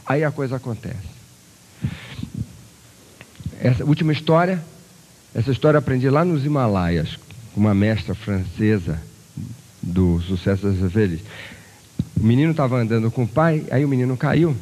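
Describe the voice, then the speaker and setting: A man's voice: medium pitch, normal speed, pauses often, low-quality recording. A man giving a motivational lecture to an audience, telling stories and acting out voices. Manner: animated storyteller who acts out voices. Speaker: motivational speaker. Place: lecture hall before an audience.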